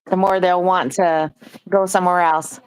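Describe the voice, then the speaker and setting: A woman's voice: lowish voice, flat delivery, normal speed, smooth, low-quality recording. A middle-aged woman from Guam, hosting a live stream in casual, chatty talk.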